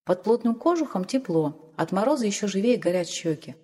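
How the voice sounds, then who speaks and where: Brief: female audiobook narrator, mellow and even, long reverb. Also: medium pitch, slightly rough. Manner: measured, even storytelling. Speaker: audiobook reader. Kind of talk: scripted literary narration.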